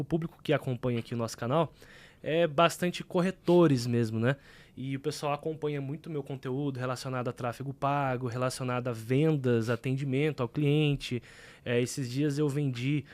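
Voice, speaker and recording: Brazilian man hosting a casual podcast, higher-pitched voice. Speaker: podcast host and real-estate broker.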